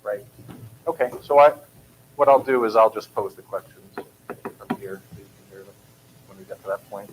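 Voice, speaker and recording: A man with a fairly low voice runs a public school board meeting from the table. He explains the order of business steadily and procedurally, with a faint hiss of background noise. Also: normal speed, pauses often, low-quality recording. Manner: procedural, steady, with small restarts.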